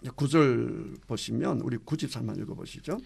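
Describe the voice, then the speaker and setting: A man's voice: mid-range voice, normal speed, vocal fry, a little mellow, slightly rough. A male pastor teaching a Bible class, asking the class questions and acting out quotes. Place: church classroom.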